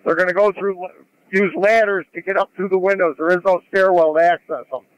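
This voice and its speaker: Male fireground officer, two-way radio reports, crisp higher voice. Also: steady tone, fairly quick, highs cut off. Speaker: fire operations officer. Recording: dry scanner radio transmission.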